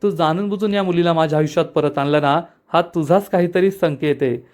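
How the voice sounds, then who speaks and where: An earnest young man recalling a childhood debt and urging his friend to help, read aloud by a man telling the story. The delivery is sincere and slightly raised in pitch. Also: brisk, a little mellow, lightly acted. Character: young man, cheerful and devoted hero.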